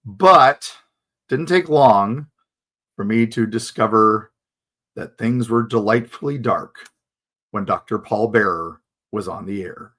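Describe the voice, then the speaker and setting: A man's voice: lowish voice, slow, long pauses, a bit bright. Casual, nostalgic American man reminiscing. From United States. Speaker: host.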